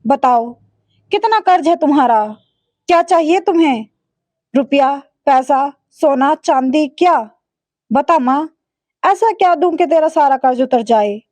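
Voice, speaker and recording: A woman voicing a grown son in a storybook tale, impatient and quick-tempered, talking in an irritable, complaining way. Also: high-pitched, lively intonation, darkish tone, no room sound. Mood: challenging.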